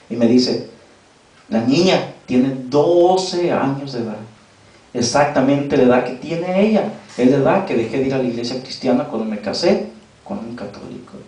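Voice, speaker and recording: A man's voice: medium pitch, a little mellow. A man with a Mexican accent preaching a sermon as pastor, telling a personal story and shifting his voice sharply for emphasis. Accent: Mexican Spanish. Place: church hall. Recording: very echoey church hall, distant mic.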